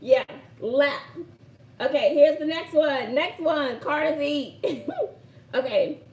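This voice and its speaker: A woman's voice: high voice, slow pace, darkish tone, distant mic, lo-fi sound. A middle-aged woman with a Brooklyn accent hosting a casual live word game, playful and emphatic as she repeats phrases. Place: indoor home room by shuttered window. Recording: roomy echo, faint background noise.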